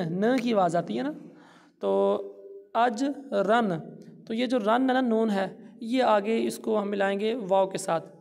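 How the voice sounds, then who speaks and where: A man teaching Quran reading, spelling out syllables slowly and stretching the recited words. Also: high-pitched, creaky, a little mellow, in a large hall. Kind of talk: slow letter-by-letter Quran recitation lesson.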